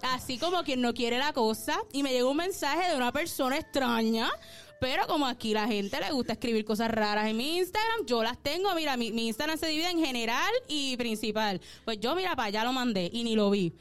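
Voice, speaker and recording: A woman telling a story on a podcast in a casual, animated way, often laughing and calling out to her audience. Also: high voice, brisk, clean tone, soft background music. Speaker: podcast co-host.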